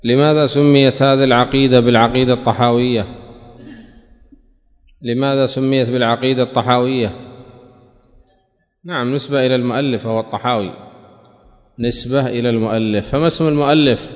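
A man teaches a religious lesson at a measured pace, posing each question twice and then answering it. His voice sits at a middling pitch. The recording trails off in a long hall reverb and sounds dull and lo-fi. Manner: measured, deliberate teaching delivery.

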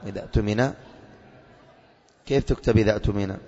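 Quizzing his class and echoing their answers back, a male religious teacher speaks fast in a lowish, warm, husky voice. The lo-fi recording sounds dull and carries long reverb.

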